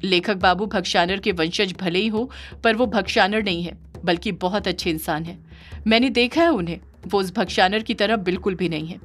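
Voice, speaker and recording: A woman's voice: medium pitch, moderate pace, lightly acted. A woman playing a defiant yakshini spirit. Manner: firm, defiant.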